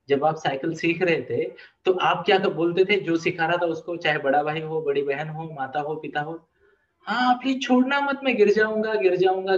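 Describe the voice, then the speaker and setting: A man's voice: a little high, roomy sound, far from the mic, highs cut off. A man who is a life coach and author, giving students an earnest motivational talk and often repeating requests to take note. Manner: earnest, repeats "please note" and asks the audience questions.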